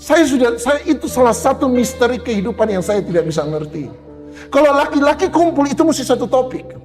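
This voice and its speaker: A man's voice: very high-pitched, animated, fairly quick, a little mellow, big-room sound, soft background music. A male pastor preaching a humorous sermon, joking and acting out little quoted exchanges. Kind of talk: humorous sermon to a women's gathering. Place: church hall.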